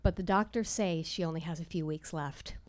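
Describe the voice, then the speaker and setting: A woman's voice: fairly low pitch, brisk, a little mellow, close to an everyday voice. A woman voicing a cousin who relays news plainly and matter-of-factly.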